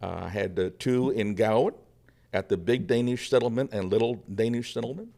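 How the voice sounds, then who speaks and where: A man's voice: mid-range voice, a little fast, vocal fry, mellow, natural voice. A man playing a humble, cheerful Norwegian immigrant pastor from the 1800s, telling his life story folksily in the first person with plenty of fillers. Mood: proud recounting. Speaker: guest, historical reenactor. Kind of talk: first-person historical character portrayal.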